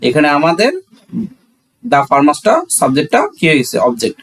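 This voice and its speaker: Very animated and fairly quick, a man's fairly high voice carries a Bangladeshi accent as he teaches English grammar. It's a classroom-style lesson explanation delivered step by step: he repeats key phrases and asks questions only to answer them himself, in a didactic manner.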